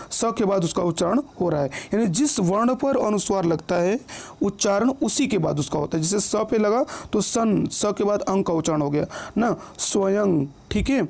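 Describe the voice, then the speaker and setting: Gravelly, mellow-voiced male teacher. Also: high voice. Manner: patient, repeats each word and rule slowly; often checks in with listeners. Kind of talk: online grammar lesson.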